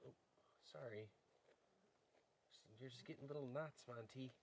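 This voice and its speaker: Relaxed, chatty man camping outdoors. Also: mid-range voice, unhurried, creaky, slight background noise. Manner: relaxed and chatty, gently coaxing his dog. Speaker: outdoor vlogger. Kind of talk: casual vlog narration. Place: outdoors at a wilderness campsite.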